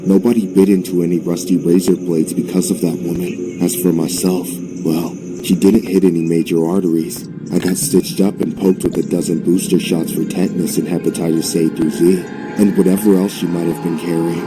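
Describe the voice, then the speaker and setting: A man reading a scripted first-person horror story in a measured, steady way. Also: deep voice, low-quality recording. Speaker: story narrator. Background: music.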